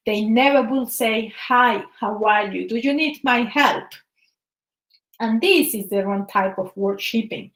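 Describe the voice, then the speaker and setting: A Venezuelan woman, a wellness practitioner, speaks earnestly and with passion about her personal views, often repeating words as she searches for the right phrasing. Her mid-range voice comes through a rough recording with a roomy sound.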